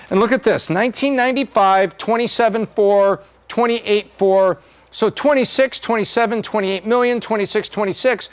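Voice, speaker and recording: A middle-aged man hosting a podcast, walking through charts in a chatty, joking way. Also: sits high. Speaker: podcast host.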